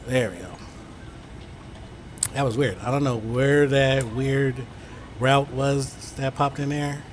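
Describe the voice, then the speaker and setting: A man's voice: medium pitch, steady tone, slow. Man muttering casual flight-sim commentary over noise. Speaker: flight simulator streamer. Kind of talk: casual gameplay commentary, thinking aloud through procedures. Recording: clear background vehicle-like noise.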